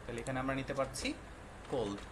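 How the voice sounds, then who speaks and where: A man's voice: mid-range voice, fast talker, background noise. Patient man teaching young children. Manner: patient, quizzing with frequent questions; mixes English words into explanations. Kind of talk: classroom explanation for young children.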